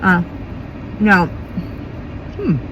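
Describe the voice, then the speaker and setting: A woman's voice: medium pitch, sing-song, very slow, highs cut off, noisy background. A middle-aged woman from Maine chatting casually between bites in an eating vlog at home at night. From Maine, USA. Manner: chatty, eats between sentences. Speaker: mukbang vlogger.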